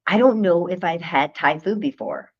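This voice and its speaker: A talkative woman co-hosting a local TV show, swapping stories and laughing easily. Her voice sits a little low, and the sound is dull and lo-fi. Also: moderate pace, slightly rough. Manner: chatty, animated storyteller who laughs often. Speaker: co-host. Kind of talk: casual chat.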